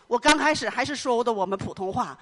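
A woman's voice: on the high side, lively intonation, quick pace. A middle-aged woman giving an emotional personal testimony in church, telling her story earnestly and with much repetition. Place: church hall.

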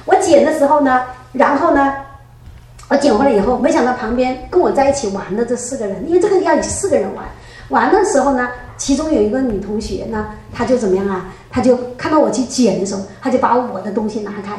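Woman, fairly high voice, lively church testimony with frequent laughs, heard from a distance in a very echoey room. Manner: lively storytelling, often laughing, frequent drawn-out particles. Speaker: church member giving testimony.

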